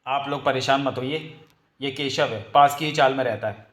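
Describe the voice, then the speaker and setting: A man's voice: medium pitch, normal speed, a bit bright, natural voice. A man voicing a heartless shopkeeper who speaks in a dismissive, scornful way. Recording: roomy echo.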